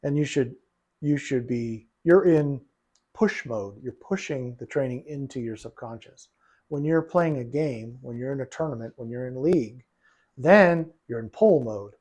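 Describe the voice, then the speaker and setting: A billiards coach works one-on-one with a student at the pool table, patiently repeating his phrases as he explains. His voice is mid-range and slightly dark, delivered at a measured pace.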